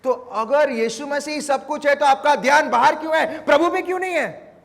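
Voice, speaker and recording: A male pastor with an Indian English accent, preaching a sermon that swings from loud to hushed as he tells a story. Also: very high-pitched, normal speed, gravelly. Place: church hall. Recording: long hall reverb.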